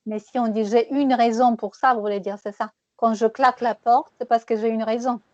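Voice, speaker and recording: A woman's voice: fairly high pitch, steady tone, a little mellow, no room sound, muffled recording. Patient woman teaching pronunciation. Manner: patient, repeats words slowly, laughs often. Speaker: French teacher. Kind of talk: one-on-one pronunciation lesson.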